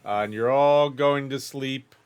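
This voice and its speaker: A man's voice: medium pitch, measured pace, a little hiss or hum. A man narrating a tabletop game casually as game master.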